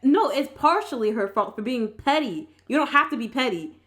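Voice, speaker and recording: A woman's voice: high voice, animated, normal speed, fairly bright tone. Insistent woman in casual debate. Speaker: vlog host. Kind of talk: casual argumentative chat.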